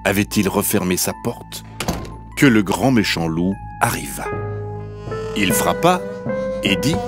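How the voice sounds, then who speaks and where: A man narrating a children's storybook in an expressive, deliberate way, with music underneath. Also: low-pitched.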